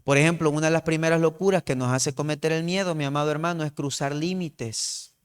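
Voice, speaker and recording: A man's voice: fairly high pitch, fairly even intonation, a little fast, clear, resonant tone. A male pastor preaching a sermon, retelling the story and repeatedly calling the listener his beloved brother.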